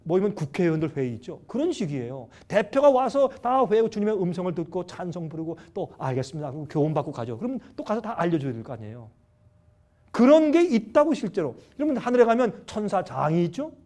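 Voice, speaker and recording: A male preacher giving a seminar sermon, telling a story in an animated way and acting out the dialogue himself. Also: high voice, fast. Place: seminar hall.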